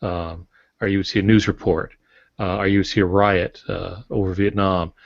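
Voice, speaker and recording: A deep, gravelly male voice keeps a level tone and a moderate pace. He's a guest author on a podcast, explaining things conversationally in a folksy, informal, opinionated way. The audio is roomy, dull lo-fi podcast sound.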